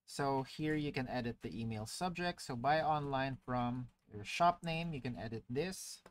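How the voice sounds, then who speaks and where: A man narrates a casual, step-by-step software tutorial over a screen recording, explaining things with lots of filler words. His voice is medium-pitched and unhurried.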